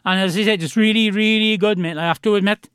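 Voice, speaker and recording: A man's voice: high voice, steady tone, fast talker, fairly bright tone, smooth, no room sound. A man from the South Wales Valleys with a local accent, hosting a casual interview in an effusive, matey, rambling way. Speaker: radio host, interviewer.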